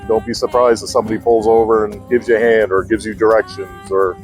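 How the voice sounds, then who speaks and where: A man's voice: lowish voice, little pitch movement, quick pace, faint music behind. A man from Halifax talks easily and proudly about local customs of helping strangers. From Halifax, Nova Scotia. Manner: easygoing, proud of home.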